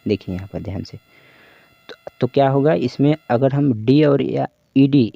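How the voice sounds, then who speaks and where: A man's voice: mid-range voice, normal speed, gravelly, no echo. A man teaching English pronunciation rules, explaining patiently and repeating each point with frequent check-ins. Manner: repetitive, checks in with "ठीक है" and "देखिए". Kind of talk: explanatory lesson over slides. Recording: dull lo-fi home recording.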